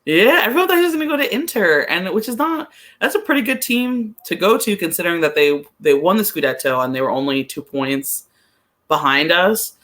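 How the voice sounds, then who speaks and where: On a podcast, an analyst chats casually about soccer in a medium-pitched, sing-song voice that's fairly quick and fairly bright. They hesitate, think aloud, and lean often on the word "like."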